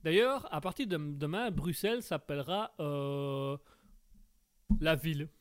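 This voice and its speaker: A man's voice: a little high, measured pace. Punning man streaming live. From Belgium. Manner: rambling, punning, full of fillers and restarts. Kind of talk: casual live stream chat reading chat messages.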